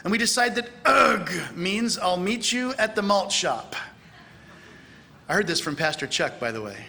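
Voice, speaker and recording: A man in middle age lectures a church audience from the pulpit. His voice sits high and bright, with a very lively, swinging pitch. He slips into acted-out dialogue, raising his voice for the quoted lines. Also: normal speed, slight background noise. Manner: animated, acts out dialogue with raised voice. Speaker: speaker at a church conference. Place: large church hall.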